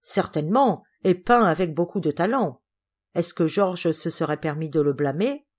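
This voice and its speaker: Audiobook father, earnest and pleading, read by a woman, low-pitched. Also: normal speed, a little mellow, close to an everyday voice. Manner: pleading, earnest, easily upset. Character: gentle anxious aristocratic father, middle-aged man. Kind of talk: audiobook character reading.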